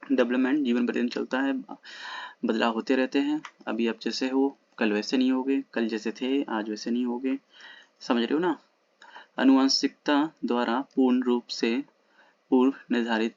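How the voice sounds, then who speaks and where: A man working through old exam questions in a casual lesson, reading the English question text slowly and then explaining quickly in Hindi, recorded at home at night. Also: mid-range voice, a little mellow, no room sound, muffled recording. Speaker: exam-prep teacher.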